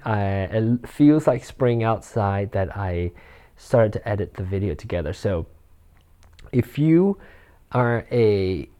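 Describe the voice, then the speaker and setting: Speaking in a fairly low, dark-toned voice, this man in his forties runs a solo podcast. He keeps it loose and meandering, full of fillers, restarts and frequent laughs, and his handheld or desk mic catches some rustling.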